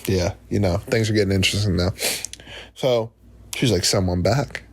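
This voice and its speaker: A man's voice: lowish voice, moderate pace, breathy edge. A man in his twenties from New Jersey, telling a comic story on a podcast and acting out the people in it. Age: 20s. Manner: animated, acts out quoted voices. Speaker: podcast host. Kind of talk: comedic storytelling.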